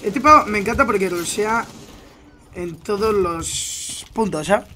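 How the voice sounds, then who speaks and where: A young man with a Spanish accent from Spain, chatting casually while streaming a game, slangy and animated when he tells a story. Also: sits high, unhurried, a little hiss or hum. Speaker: gaming streamer. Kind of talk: casual gaming stream chat.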